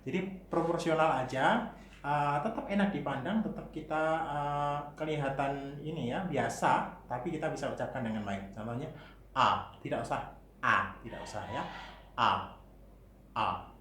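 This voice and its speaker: A man's voice: fairly high pitch, normal speed. A man with an Indonesian accent, a vocal coach patiently explaining articulation and demonstrating vowels. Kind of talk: singing lesson. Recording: roomy with faint hiss.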